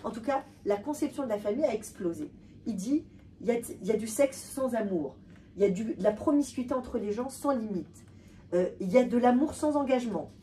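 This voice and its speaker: A woman's voice: a little high, brisk. Woman, lecturing a crowd. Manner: animated, emphatic, restarts and repeats words. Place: hall with a live audience. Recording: distant voice with faint room noise.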